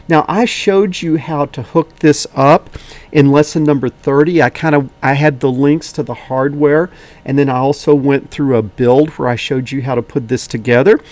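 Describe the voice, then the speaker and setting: A man's voice: fairly high pitch, a little mellow. A man with a slightly wheezy voice hosting a casual tutorial, chatting to viewers in a folksy, direct way. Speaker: online tutorial teacher and host. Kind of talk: casual instructional video lesson.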